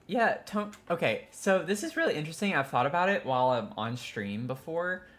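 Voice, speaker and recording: A man's voice: fairly high pitch, big pitch swings, fairly quick, fairly bright tone. A man from Tennessee with a Southern accent, chatting casually on a live stream in a rambling, self-interrupting way. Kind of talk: casual live-stream chat while building in a game.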